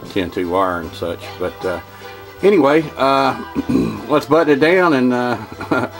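A man's voice: mid-range voice, expressive, measured pace, faint music behind. A man, an HVAC technician giving a folksy, rambling how-to demonstration in his home workshop. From Kentucky. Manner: folksy, rambling, lots of "uh" and "okay, y'all". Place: home workshop with wood-paneled walls.

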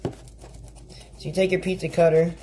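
A man's voice: on the high side, flat delivery, slow pace, a little mellow. A teenage boy joking his way through a cooking vlog in a home kitchen. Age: teens. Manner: joking, self-mocking. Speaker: home cook vlogger. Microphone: phone camera on counter. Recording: noisy kitchen with clatter.

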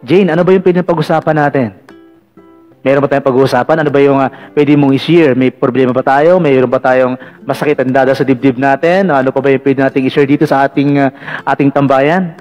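A man's voice: mid-range voice, steady tone, brisk, a little mellow, muffled recording, faint music behind. Chatty Filipino man hosting a call-in. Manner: chatty, teasing, many fillers like "ayan". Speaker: vlog radio-style host taking callers. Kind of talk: casual live call-in chat.

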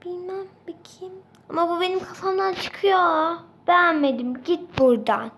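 Game role-play: a woman voicing a sulky spoiled girl, high and dismissive. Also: fairly even intonation, normal speed, a bit bright, slight background noise. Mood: huffy. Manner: huffy, dismissive. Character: sulky spoiled young daughter.

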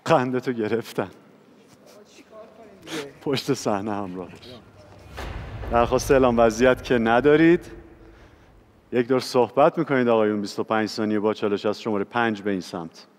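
Calm male game show moderator. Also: on the low side, in a large hall, slight background noise.

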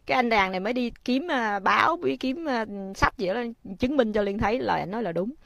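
Expressive woman host. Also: on the high side, fast talker, creaky, no echo. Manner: expressive, addresses viewers often, gentle when advising. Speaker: livestream host. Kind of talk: casual livestream talk to viewers.

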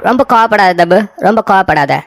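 A woman's voice: medium pitch, quick pace, a little hiss or hum, lightly acted. A woman voicing an emotional, naive young man in a cartoon story, talking in a whiny, pleading way.

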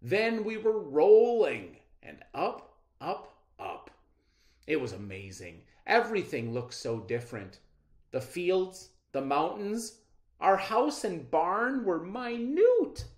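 Sitting high in pitch, this middle-aged man's voice carries a children's read-aloud reading lesson. He is slow and careful, expressive, and explains as he goes.

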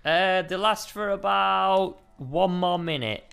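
A man giving casual game commentary with a friend, eager and thinking out loud. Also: high voice, takes it slowly, gravelly, clean tone. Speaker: gamer co-host. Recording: faint music behind.

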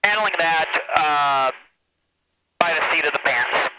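An American man in his thirties talking like a pilot over the radio, giving measured, hesitant, matter-of-fact flight commentary into a headset mic. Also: fairly high pitch. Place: open cockpit of a small light aircraft. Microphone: aviation headset boom mic. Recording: noisy cockpit headset intercom audio.

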